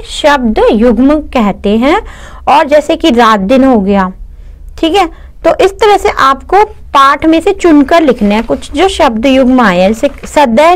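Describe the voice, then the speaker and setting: A young woman teaching a class of young children, explaining patiently and often asking and answering her own questions, with English words mixed into her talk. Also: high-pitched. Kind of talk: online class lesson for children.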